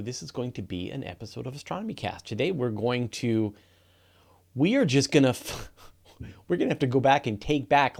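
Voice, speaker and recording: Animated Canadian man, lively pitch. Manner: rambling, animated, laughs often. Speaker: podcast host. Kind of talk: casual live-stream chat.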